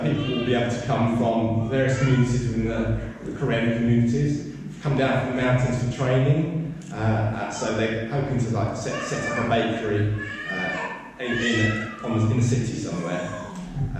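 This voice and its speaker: Man with an even mid-range voice giving a halting missionary update from a distance in a big reverberant hall, faint hiss underneath. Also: medium pitch. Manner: hesitant, many fillers and restarts. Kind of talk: informal spoken report to a gathering. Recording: echoey hall, mic far off, faint noise.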